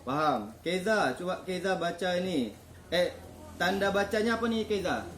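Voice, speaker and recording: A man's voice: high-pitched, expressive, normal speed, a bit bright. A man teaching children to read the Quran in a classroom, patiently quizzing them and praising their answers. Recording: echoey classroom.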